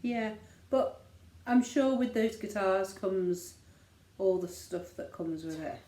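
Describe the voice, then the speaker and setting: Easygoing middle-aged Scouse mum, echoey. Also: female voice, mid-range voice, slow, warm tone. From Liverpool, England. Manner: rambling, easygoing, filler-heavy. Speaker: flosstube co-host, mother. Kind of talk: casual chat.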